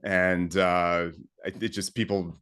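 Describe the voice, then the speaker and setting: A man's voice: low voice, level tone, slow, fairly bright tone, clean tone. A man talking as a guest composer in a casual interview, enthusiastic and full of fillers and restarts.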